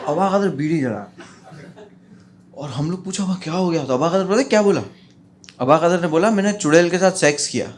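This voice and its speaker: A man doing stand-up, telling a childhood story in an animated way and acting out his friends' voices. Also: fairly high pitch, brisk, long pauses, background noise. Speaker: stand-up comedian.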